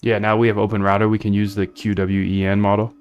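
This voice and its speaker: Smooth-voiced blunt man on a live coding stream. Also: on the low side, flat delivery, fast talker, a little mellow, highs cut off. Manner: blunt, chatty, thinks aloud while working. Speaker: live-streaming developer of trading bots. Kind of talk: casual live coding stream, reading chat aloud.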